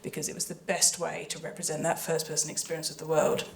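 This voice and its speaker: At a live festival panel, a woman who composes for audio drama explains her creative work thoughtfully, in a hesitant, explanatory way, into a handheld microphone passed between panelists. Her voice is deep, monotone and gravelly, and she talks fast.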